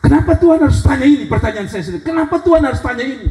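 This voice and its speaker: A male pastor with a Kupang accent, preaching an animated sermon and acting out scripture scenes. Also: very high-pitched, racing, roomy sound, a little hiss or hum, poor audio. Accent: Kupang Indonesian. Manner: animated preaching that dramatizes scripture in acted-out voices. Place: church sanctuary.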